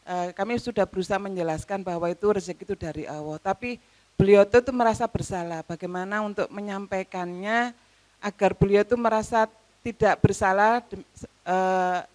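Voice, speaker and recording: A woman with a Javanese accent politely asking a question, pausing and restarting as she talks. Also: mid-range voice, a little mellow. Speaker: audience member asking a question.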